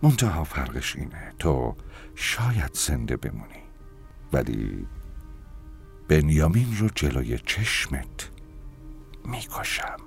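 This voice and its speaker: A man's voice: very animated, vocal fry, long pauses, soft background music, heavily acted. A man growling as a cold, menacing interrogator. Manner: low, quiet and menacing, ending in a whisper. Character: cruel menacing male interrogator, cold and threatening. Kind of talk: audiobook narration with character voices.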